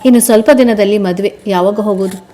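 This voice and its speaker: A man's voice: sits high, fairly even intonation, quick pace, dark tone, close to an everyday voice. A woman reading a teasing young groom. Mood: playful. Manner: teasing, affectionate. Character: playful young man, the groom-to-be.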